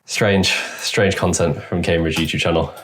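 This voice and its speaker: A man's voice: deep voice, fairly even intonation, slight background noise. A young man hosting a reaction video, casually commenting on clips with sarcastic asides. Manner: sarcastic, talks back at clips with quick asides.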